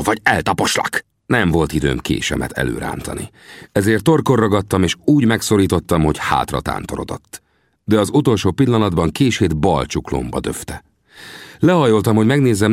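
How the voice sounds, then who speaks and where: A man's voice: deep voice, a little mellow, no room sound, clean studio sound. A man narrating an adventure novel as an audiobook, in a dramatic storytelling manner. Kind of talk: scripted narration.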